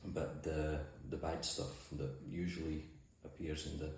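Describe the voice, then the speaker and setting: A man's voice: rumbling low, little pitch movement, a little slow, vocal fry, a little mellow. A man with a Shetland accent answering interview questions in an understated, matter-of-fact way. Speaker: mussel farmer and boat skipper. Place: indoors in an office. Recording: very echoey room, faint noise.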